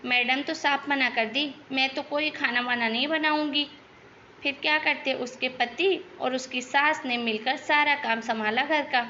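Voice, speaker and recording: A woman's voice: high voice, steady tone, a little slow, pushed and bright, muffled recording, a little hiss or hum. A woman voicing a chatty young daughter-in-law in a cartoon, complaining about her in-laws. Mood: gossiping. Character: gossipy young daughter-in-law, lazy and talkative. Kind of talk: cartoon voice acting.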